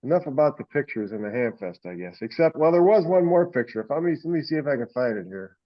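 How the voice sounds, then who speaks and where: This presenter speaks fast in a sing-song, medium-pitched voice. He gives the group a loose, folksy, meandering update over an online teleconference, and the call audio is dull and low-fidelity.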